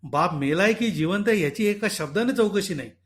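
A bitter, short-tempered middle-aged father, as a male story reader puts him on, scolding loudly from an audiobook. The voice sits high for a man and pushes hard on every complaint. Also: lively intonation, fairly quick. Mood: resentful.

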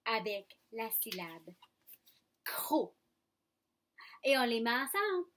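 A woman teacher with a Franco-Ontarian French accent, leading young children through a phonics lesson in slow, clear, coaxing speech. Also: fairly high pitch, big pitch swings, a bit bright, slight background noise. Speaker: kindergarten teacher.

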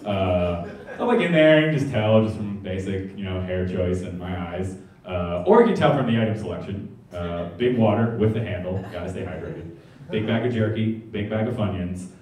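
A man's voice: lowish voice, a little mellow. A young man doing a stand-up comedy set, rambling and mocking himself, with lots of "like" and "uh.". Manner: rambling, self-mocking, full of "like" and "uh". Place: comedy theater stage. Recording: echoey theater from far off. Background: audience laughter.

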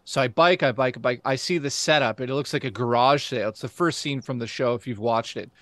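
A man hosting a casual podcast, telling a story excitedly. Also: medium pitch, fairly quick, dry recording.

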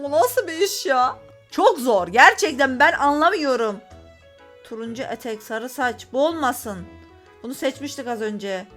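A woman doing let's-play commentary on a game, excitable and often exasperated, talking straight to her viewers. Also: on the high side. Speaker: gaming YouTuber.

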